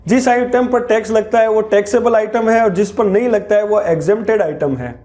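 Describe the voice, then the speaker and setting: A man with a high voice teaches accounting software in a screen-recorded tutorial. He explains each step patiently and slows down to spell out key terms.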